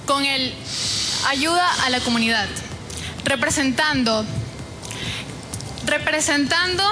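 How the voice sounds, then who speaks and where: A nineteen-year-old woman, giving a recited pageant candidate speech with some hesitation. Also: sits high. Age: late teens. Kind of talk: prepared speech. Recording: noisy recording with background ambience.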